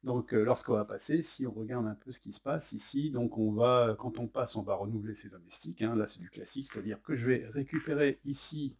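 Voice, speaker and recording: A man with a French accent walks through a board game expansion in a relaxed, chatty way. He hesitates often and fills pauses as he flips through cards. His voice sits in an ordinary middle pitch. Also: vocal fry, slightly rough. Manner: hesitant, many fillers. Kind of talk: casual unboxing and rules demo.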